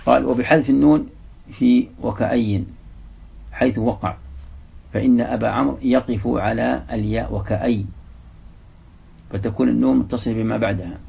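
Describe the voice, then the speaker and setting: A man giving a religious lesson, reading a passage from a classical text and then explaining it slowly, repeating the example words. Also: mid-range voice, steady tone, gravelly, breathy edge. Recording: dull, lo-fi lecture recording.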